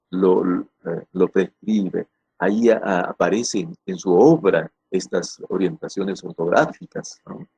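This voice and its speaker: A man teaching a spelling lesson, pausing with fillers and often checking in with his students. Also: on the low side, gravelly, mellow, breathy edge. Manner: checks in with frequent "¿no?" and "¿ya?"; hesitant, repeats words with "eh" fillers. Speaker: language teacher.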